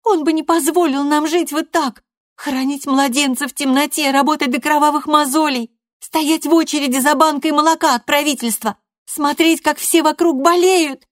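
A woman voicing a furious, defiant teenage girl who shouts bitter accusations. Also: medium pitch, little pitch movement, normal speed, hardly any pauses, dry recording, studio quality, voice pushed up, close to an everyday voice.

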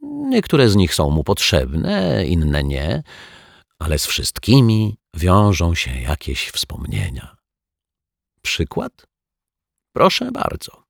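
Deep, husky man reading a storybook. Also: takes it slowly, dry recording, clean studio sound. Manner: expressive, lively reading. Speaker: audiobook narrator. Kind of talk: storybook narration for children.

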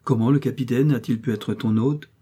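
A man's voice: medium pitch, steady tone, moderate pace, mellow, breathy edge, natural voice. A man doing a trusting old marquis, kindly and naive. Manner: kindly, earnest. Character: older trusting male marquis, fatherly and naive.

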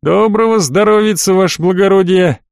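A folksy, sly provincial cabbie, all rustic turns of phrase and eager-to-please fawning, put on by a male narrator. The voice sits noticeably high and a little loud. It is recorded dry and close, with no room around it. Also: moderate pace, gravelly, no echo. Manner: rustic folksy speech, obsequious. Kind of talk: audiobook character voice.

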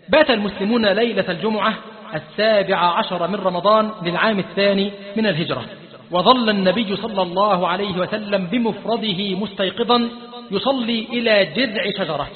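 Egyptian preacher guy telling it dramatic, big hall reverb, high voice. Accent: Egyptian Arabic. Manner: dramatic retelling, mixing classical quotes with colloquial asides. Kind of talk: storytelling sermon. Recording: tinny phone-like sound in a long echoing hall.

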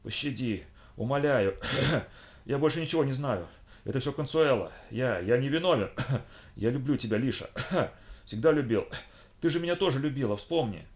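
A man's voice: mid-range voice, expressive, moderate pace, darkish tone, close to an everyday voice. A man voicing a frightened male agent who pleads and stammers. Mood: pleading.

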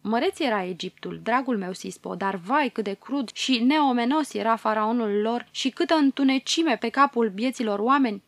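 A woman's voice: on the high side, no room sound, close to an everyday voice. A woman voicing a curious young girl who talks earnestly about what she saw.

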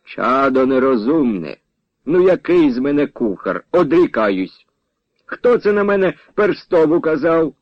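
A man's voice: on the high side, sing-song, no echo. A man doing a pompous old village priest. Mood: mock solemn. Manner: slow, solemn churchly phrasing. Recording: dull, dry old radio recording.

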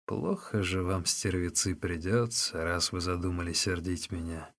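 Усун: мужчина изображает грозного героя-воина. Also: male voice, deep voice, steady tone, moderate pace, no room sound, close to an everyday voice. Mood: scornful muttering. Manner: menacing, mocking. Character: fierce, bold male hero warrior.

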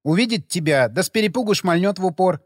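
A man voicing a level-headed, sharp-tongued young woman who reasons coolly. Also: high-pitched, lively intonation, fast talker, no room sound, studio quality, long reverb tail, voice pushed up.

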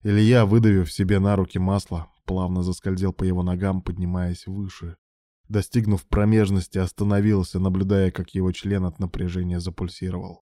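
A man narrating a story as an audiobook in a steady, even reading voice. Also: deep voice, fairly quick, no room sound, clean studio sound.

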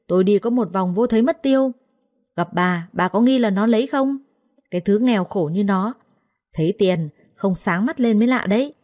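A woman doing a shrill, accusing young maid. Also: dry recording, studio quality, lightly acted. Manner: shrill yelling, quarrelsome. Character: young female house servant, shrill and accusing.

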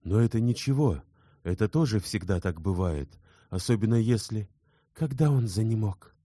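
A man voicing an anxious, gentle young man who urgently reassures a distraught woman. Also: on the low side, lively intonation, normal speed, dry recording, clean studio sound, pitched above the performer's own voice. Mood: reassuring.

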